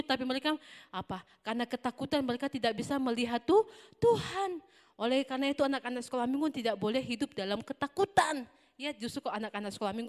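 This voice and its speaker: Lively woman teaching Sunday school. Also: fairly high pitch. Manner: animated, quizzes children with questions. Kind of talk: children's Bible lesson. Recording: long hall reverb.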